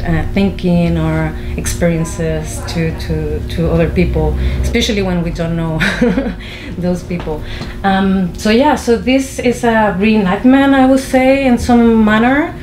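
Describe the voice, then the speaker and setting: A woman from Chile, a filmmaker, giving a halting introduction to her lecture performance with many fillers and restarts. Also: on the low side. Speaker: filmmaker and guest artist. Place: small film venue. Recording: echoey room with noise.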